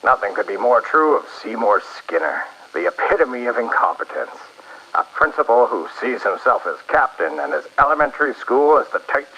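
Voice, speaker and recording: An actor playing a pompous, sardonic, slightly tipsy school superintendent in a 1930s-style radio play, wordy and dryly suspicious. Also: male voice, fairly low pitch, sharp tone, muffled recording, slight background noise. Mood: scornful, musing. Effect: old-time radio filter.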